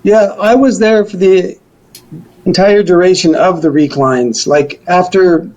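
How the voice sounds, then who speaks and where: A middle-aged or older man, a musician being interviewed, casually reminisces in a rambling, informal way, hedging with "kind of" and "you know." His voice is high, unhurried, and a little mellow, and the recording sounds muffled.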